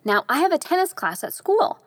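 A woman's voice: high voice, big pitch swings, fairly quick, pitched above the performer's own voice. A woman doing an eager little girl. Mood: cheerful.

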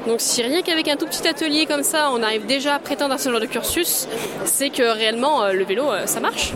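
A woman's voice: high-pitched, brisk. A woman giving a casual interview, explaining things earnestly as a workshop trainer. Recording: outdoor crowd and street noise.

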